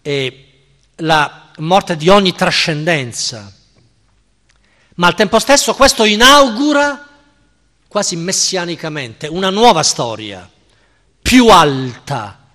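A male professor lectures in an unhurried, deliberate way, stressing his key words. His pitch sits fairly high and moves a great deal, and a long reverb from the hall follows each phrase. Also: very animated, pushed and bright. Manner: slow, deliberate, emphatic, checks in with listeners. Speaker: philosophy professor. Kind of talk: university-style lecture. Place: lecture hall at a cultural center.

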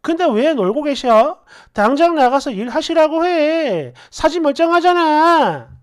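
A woman's voice: high-pitched, sing-song, measured pace. A woman voicing a blunt, scornful young woman friend who mocks and insults harshly.

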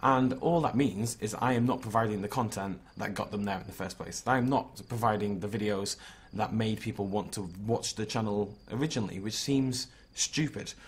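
Hungover, slightly hoarse man rambling casually. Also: fairly low pitch, normal speed. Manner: informal, rambling, self-critical. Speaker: gaming video creator. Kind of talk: casual vlog chat over gameplay. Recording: clearly noisy background ambience.

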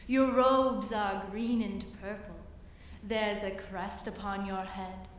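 Girl putting on a low, coaxing spider. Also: fairly even intonation, natural voice. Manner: low, soft, coaxing and drawn-out. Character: sly flattering male spider, smooth and scheming. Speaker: student reciting a poem. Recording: echoey hall from far off.

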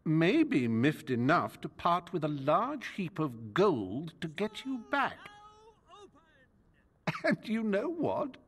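A man's voice: on the high side, wildly swooping pitch, slow, breathy edge, big-room sound, full character voice. An actor playing a vain, treacherous male rogue in a video game, speaking in a pompous, theatrical drawl. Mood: smug.

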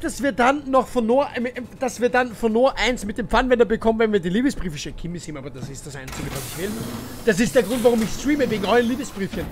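A man streaming a horror game live, chatty and impatient, talking to his chat and to himself, swinging from mumbles to loud outbursts. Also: high voice. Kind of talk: live gameplay commentary.

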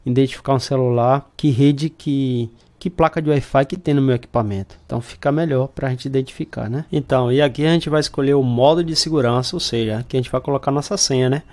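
A man's voice: medium pitch, a little mellow. Casual Brazilian man explaining router setup. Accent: Brazilian Portuguese. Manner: casual, explanatory, talks through screen steps. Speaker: computer shop owner. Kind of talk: hands-on tech tutorial.

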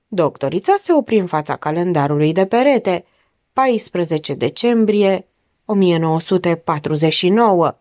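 A woman's voice: darkish tone, no room sound, clean studio sound. A woman narrating an audiobook expressively, changing her voice to act out the characters. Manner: acts out characters with big pitch jumps. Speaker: audiobook reader.

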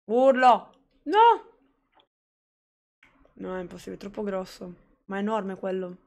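A young woman, commenting excitedly on a game she plays live, swearing and talking to her chat. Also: medium pitch, fast talker, creaky. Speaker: streamer.

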